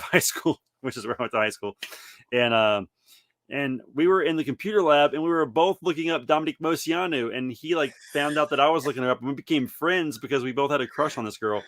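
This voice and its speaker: A man's voice: medium pitch, fairly bright tone, no room sound. A man co-hosts a casual podcast and tells old stories in a loose, easygoing way. His voice sounds dry and close, with no room around it. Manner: reminiscing, loose and storytelling. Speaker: podcast co-host. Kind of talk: casual chat.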